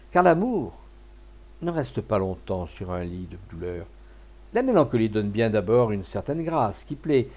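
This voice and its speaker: A worldly, coquettish duchess speaks softly and knowingly in a storybook scene, read by a man. The voice is gravelly and middle-pitched, with an affectionate, assured manner.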